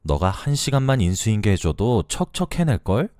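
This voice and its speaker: A man's voice: fairly low pitch, sing-song, moderate pace, a little mellow, no echo, clean studio sound. A man voicing a pushy, nagging middle-aged mother-in-law in a narrated story. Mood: wheedling.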